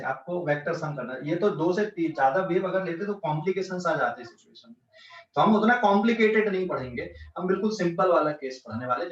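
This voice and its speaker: Man, central Indian accent, physics teacher, high-pitched, distant echoey lo-fi recording. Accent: Hindi-English mixed speech, central Indian. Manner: explains step by step, checks often if students follow. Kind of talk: online class lecture. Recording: echoey distant lo-fi online class.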